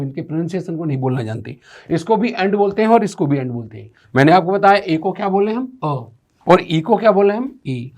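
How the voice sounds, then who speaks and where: A man explaining English grammar step by step as a teacher, often asking rhetorical questions and reading out English sentences. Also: sits high. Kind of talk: classroom-style grammar lesson.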